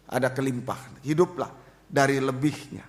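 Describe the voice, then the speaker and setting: A male pastor preaching a sermon, emphatic, swinging between loud urging and quiet asides. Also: medium pitch, moderate pace. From Indonesia.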